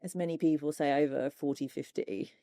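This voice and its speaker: A woman's voice: sits low, fairly even intonation, fairly quick, dark tone, no echo, clean studio sound. A woman co-hosting a podcast, easygoing and rambling in casual chat. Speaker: podcast co-host.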